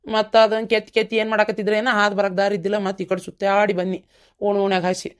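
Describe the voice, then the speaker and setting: A woman's voice: medium pitch, little pitch movement, fast, smooth, close to an everyday voice. A woman voicing a tired shopkeeper husband in a cartoon story, with a North Karnataka Kannada accent and clipped replies. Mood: weary.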